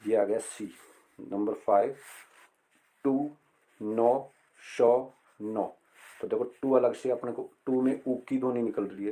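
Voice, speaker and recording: A middle-aged male teacher explaining an English lesson slowly and patiently, repeating words and reading phrases aloud. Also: medium pitch, dark tone.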